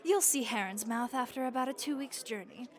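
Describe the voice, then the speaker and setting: In a soothing audio roleplay, a woman voices a warm, well-traveled vampire innkeeper, her natural voice brisk and fairly high. She talks in a wry, folksy, chatty way, encouraging and helpful with an easygoing mood.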